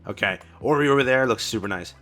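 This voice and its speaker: A man hosting a card-game channel, giving an excited, casual reaction commentary full of exclamations and slang like bro and dude. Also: mid-range voice, fast, faint music behind. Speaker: card game content creator.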